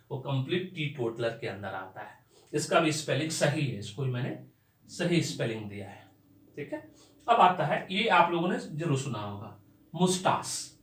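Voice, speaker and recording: Male teacher, mid pitch, drawn-out word drills and spelled-out letters, recorded in a roomy space. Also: fairly bright tone. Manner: explains slowly, spells words out letter by letter. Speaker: English teacher. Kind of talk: vocabulary and pronunciation lesson.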